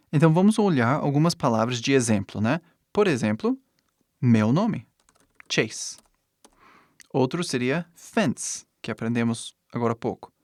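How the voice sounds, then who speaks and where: In a video lesson, a man who teaches English and speaks it as his first language explains pronunciation in a mid-range, darkish voice. The recording is studio quality with no echo, and he keeps asking "né?" and "tá?" as he goes.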